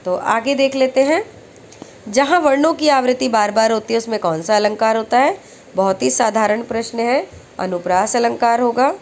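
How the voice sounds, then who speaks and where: A woman teaching exam-prep lessons who recites verse slowly and then explains each question step by step. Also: on the high side, darkish tone, slight background noise.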